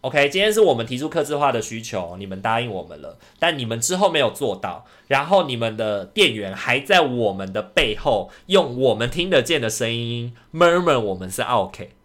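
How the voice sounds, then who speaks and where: Man, podcast co-host, rapid speech, mid-pitched voice, animated indignant storytelling. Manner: animated, indignant retelling with acted-out quotes. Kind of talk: casual storytelling chat.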